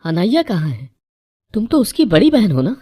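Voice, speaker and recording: A woman voicing an angry older mother-in-law who scolds loudly in a high voice in a storybook tale. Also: very animated, husky. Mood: alarmed.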